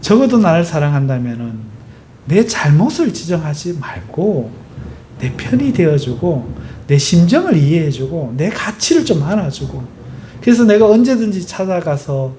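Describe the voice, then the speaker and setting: Pastor preaching, lots of rhetorical questions, somewhat high voice, slight background hiss. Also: male voice. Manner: rhetorical questions, lively emphatic delivery. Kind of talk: sermon.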